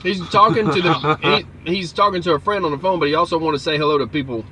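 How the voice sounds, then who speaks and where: A man's voice: fairly high pitch, fast talker, sharp tone. A man hosting a livestream, chatting casually in a folksy, joking way. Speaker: livestream host, trucker. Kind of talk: casual chat. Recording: faint outdoor vehicle noise.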